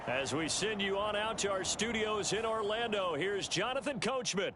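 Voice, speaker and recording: Guy play-by-play football announcer in a video game, highish voice, really noisy behind him. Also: lively intonation, normal speed. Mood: steady commentary. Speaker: play-by-play commentator. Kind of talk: football commentary. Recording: very loud stadium noise behind.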